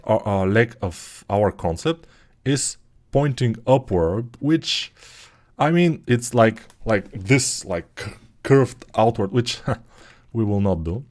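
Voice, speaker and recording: On a live stream, a Bulgarian-accented man teaches 3D modeling in a fairly low, somewhat mellow voice. Answering viewers' questions in a relaxed way, this 3D art instructor frequently restarts his sentences and leans on fillers.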